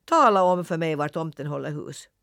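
A man's voice: creaky, no echo, clean studio sound. A man playing a tiny frightened bratty boy. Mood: excited. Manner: high, excited and shouting.

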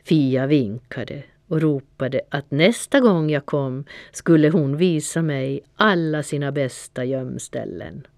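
A woman narrating a children's storybook in a gentle, soft-spoken way. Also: deep voice, gravelly, few pauses, no room sound, clean studio sound.

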